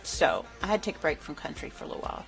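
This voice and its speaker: A woman's voice: sits low, big pitch swings, rapid-fire, gravelly, over music. A middle-aged woman, hosting a livestream in a chatty way and laughing easily. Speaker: livestream host. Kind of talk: casual chat.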